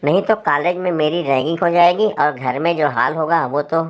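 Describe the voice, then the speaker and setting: A woman's voice: sits low, normal speed, close to an everyday voice. A woman voicing a nervous young college guy. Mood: pleading. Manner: pleading, flustered. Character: young male college student, nervous and clumsy.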